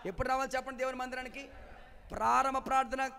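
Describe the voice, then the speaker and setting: A male pastor preaching a sermon at a Sunday service. He calls out to the congregation for responses and swings between quiet asides and loud, emphatic exclamations. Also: extremely high pitch, level tone, fast talker, creaky.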